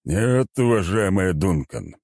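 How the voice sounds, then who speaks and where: Male narrator playing a polite low-voiced king, unhurried. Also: lively intonation, gravelly, darkish tone, no echo, studio quality, full character voice. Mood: courteous.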